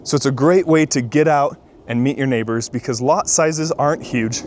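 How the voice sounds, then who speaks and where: A man's voice: mid-range voice, moderate pace, a little hiss or hum. A man working as a real estate agent gives a casual walk-through home tour in an upbeat, enthusiastic manner.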